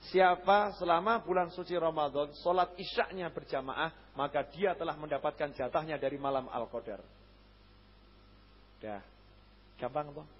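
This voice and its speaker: Male preacher, high-pitched, playful lecture; lo-fi reverberant hall. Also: moderate pace, pauses often, husky. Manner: jokey, swings from loud exhortation to low asides. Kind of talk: lively religious lecture. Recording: dull lo-fi hall recording.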